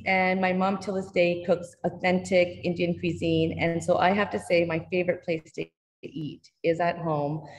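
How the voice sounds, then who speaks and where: Polished woman candidate, low and echoey. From Canada. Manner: earnest, polished campaign talk. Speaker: political candidate. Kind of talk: candidate speech at a youth forum. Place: indoors by a painted wall. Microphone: video call.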